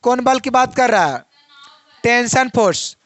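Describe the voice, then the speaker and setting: A man's voice: very high voice, expressive, unhurried, a bit bright, dry recording. A young man teaching a physics class, asking questions and then answering them himself.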